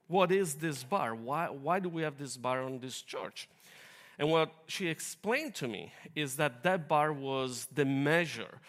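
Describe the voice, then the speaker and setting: A man's voice: mid-range voice, a bit bright. A man from Italy with an Italian accent, preaching a sermon in an earnest, explanatory way with light humor.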